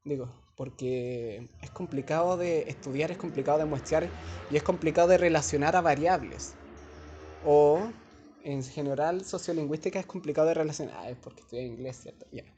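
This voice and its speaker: A man's voice: on the high side, a little fast, mellow, a little hiss or hum. Young Chilean man as a teaching assistant, loose and rambling, slang-heavy, captured on a phone in class. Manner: chatty and digressive, with casual slang. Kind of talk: informal classroom explanation. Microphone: phone held by a student.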